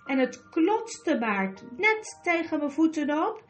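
A woman voicing a bold, quick-witted young boy in a storybook reading, urgent and commanding. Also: high-pitched, very animated, voice pushed up, heavily acted. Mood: explaining.

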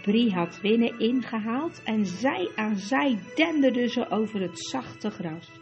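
A woman reading a storybook aloud in a measured way. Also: on the high side, highs cut off. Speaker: audiobook narrator. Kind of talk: storybook narration.

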